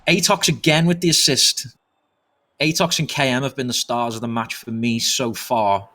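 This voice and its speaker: A man doing fast live play-by-play commentary on an online soccer match, jumping up in excitement at goals and a little out of breath. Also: medium pitch. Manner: excitable, rapid, rises sharply on goals. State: slightly out of breath. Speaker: esports commentator.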